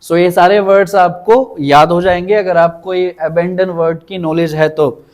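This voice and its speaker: Brief: high-pitched male tutor, patient, repeats words slowly. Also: fairly even intonation, darkish tone. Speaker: English teacher. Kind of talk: vocabulary lesson.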